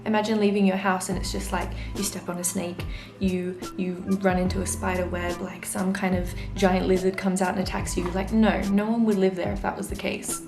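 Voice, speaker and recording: A woman's voice: medium pitch, flat delivery, brisk. Posh Australian young woman, roomy echo. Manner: exasperated, chatty, mimicking others' remarks. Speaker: vlogger. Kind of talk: casual comedic rant to camera. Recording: roomy echo with clear background music. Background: music.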